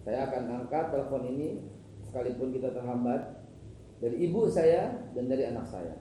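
A man's voice: medium pitch, normal speed, warm tone. Brief: middle-aged man, joking lecture preacher, distant mic, noisy hall. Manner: joking, chatty preacher mixing Arabic phrases. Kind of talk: weekly religious lecture. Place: large echoing study hall. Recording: echoey hall from far off, noisy.

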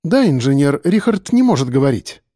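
Мужчина озвучивает хладнокровную насмешливую женщину-убийцу, говорящую спокойно и ледяным тоном. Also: female voice, low voice, fairly quick, dry recording, studio quality. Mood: icy. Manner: calm, icy, mocking. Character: cold, mocking female killer.

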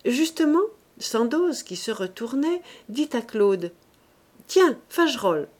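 A woman reading a classic novel aloud as an audiobook narrator, with a measured, expressive delivery. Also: fairly high pitch. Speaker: audiobook reader.

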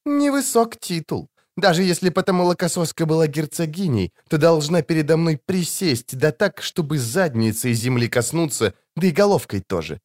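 A man's voice: on the high side, expressive, fairly quick, pitched above the performer's own voice, lightly acted. A man voicing a hard-edged teenage girl outlaw who hisses her threats with contempt. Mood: menacing. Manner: hissing, contemptuous.

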